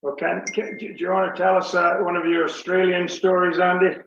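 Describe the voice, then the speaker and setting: Guy hosting, chatty and teasing, higher voice, echoey dull sound. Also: flat delivery, a little fast, creaky, fairly bright tone. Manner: chatty, teasing, laughs easily. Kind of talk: casual chat. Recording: muffled echoey room.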